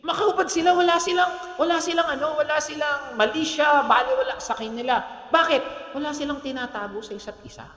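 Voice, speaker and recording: A middle-aged Filipino man preaching a sermon in a joking, animated way, with asides to the congregation. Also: extremely high pitch. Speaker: pastor. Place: church hall. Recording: echoey hall with long reverb.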